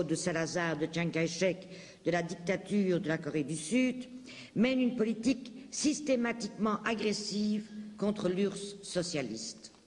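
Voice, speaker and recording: A high-voiced man delivers a political speech with long reverberation trailing each phrase. He is declamatory and impassioned, leaning hard on key words and phrasing them for dramatic weight. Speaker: political speaker.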